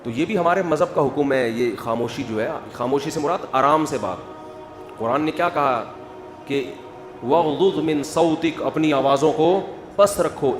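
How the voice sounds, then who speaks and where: A man giving a humorous religious talk, acting out quoted voices and building to loud emphasis. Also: mid-range voice. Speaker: Islamic preacher. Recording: echoey hall with faint music.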